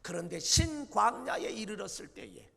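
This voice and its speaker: High-pitched gravelly man preaching. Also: very animated, moderate pace, big-room sound. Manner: dramatic retelling with acted quotes, swings between loud outbursts and low hushed lines. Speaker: pastor. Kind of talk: sermon. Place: church sanctuary.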